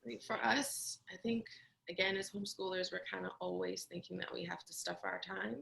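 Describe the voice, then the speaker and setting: Gravelly-voiced chatty homeschooling mom. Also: female voice, on the low side, brisk, poor audio. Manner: chatty, lots of "like" and "kinda", animated retelling. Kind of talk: casual conversational sharing.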